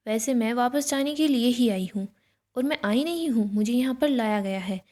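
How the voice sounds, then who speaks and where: A woman's voice: a little high, expressive, moderate pace, mellow, lightly acted. A woman reading the lines of a proud young woman who mocks and provokes others, in a spoken recap of a TV serial. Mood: taunting. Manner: mocking, provoking.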